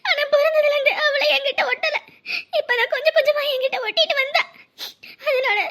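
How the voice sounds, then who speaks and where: A woman's voice: very high voice, sharp tone. A woman voicing a grieving young wife who pleads through tears in a cartoon drama. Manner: sobbing, pleading.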